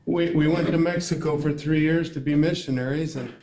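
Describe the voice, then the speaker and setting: An older man with a somewhat high voice gives an emotional public comment, near tears and rambling through many halting pauses. His voice rings out in an echoey meeting room. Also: fairly even intonation, darkish tone. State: tearful. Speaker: parent addressing school board.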